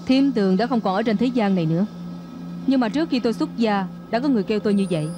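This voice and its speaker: A woman dubbing an elderly Buddhist nun who speaks slowly and calmly in a sermon-like way, for a film. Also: fairly high pitch, over music, natural voice. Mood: serene. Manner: slow, calm, sermon-like. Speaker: dubbing actor. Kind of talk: Vietnamese film dub.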